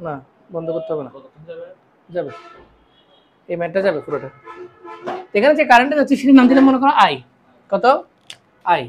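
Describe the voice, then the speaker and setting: A woman's voice: medium pitch, big pitch swings, brisk, pauses often, highs cut off, a little hiss or hum. A woman teaching a physics lecture, tired, and asking the class questions that she then answers herself. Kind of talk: classroom lecture solving circuit problems.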